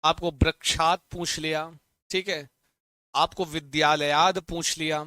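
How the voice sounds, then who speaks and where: Male teacher, crisp resonant voice, dry close sound, chants forms and coaxes students to repeat. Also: on the high side, fairly even intonation, unhurried, pushed and bright, dry recording. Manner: drills students, chants word forms in rhythm; addresses students directly, urging them to repeat aloud. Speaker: Sanskrit teacher. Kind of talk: online exam-prep lesson.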